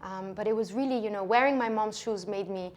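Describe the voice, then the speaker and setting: This thirty-something Lebanese woman, a shoe designer, has a medium-pitched voice and a brisk delivery. She speaks softly and casually in an interview, restarting often and leaning on fillers.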